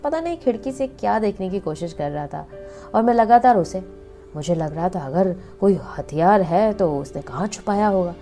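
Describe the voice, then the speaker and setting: A woman narrating a first-person story in an expressive storytelling manner. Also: mid-range voice, normal speed. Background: faint background music.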